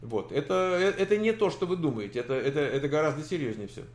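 A man giving casual political commentary on a live stream, halting, with many fillers and restarts. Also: on the high side, expressive, reverberant. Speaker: political commentator reading viewer chat.

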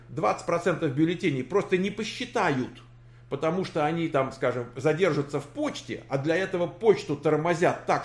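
Guy doing a live political stream, fairly high voice, lots of ums and restarts, roomy echo. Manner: animated, halting, with many fillers and restarts. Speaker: political commentator reading viewer chat.

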